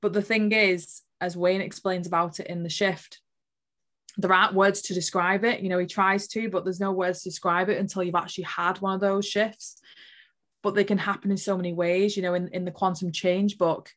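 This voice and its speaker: A woman's voice: fairly low pitch, little pitch movement, normal speed, fairly bright tone. A woman earnestly telling a personal spiritual story as an interview guest, emotional and full of fillers.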